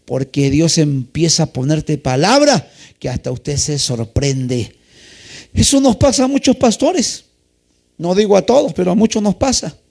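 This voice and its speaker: A man's voice: on the high side, sing-song, unhurried, creaky, a little mellow, breathy edge. A male pastor preaching a sermon, asking questions of the congregation and dropping frequent hallelujahs. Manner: preaching with frequent "aleluya" and call-and-response questions.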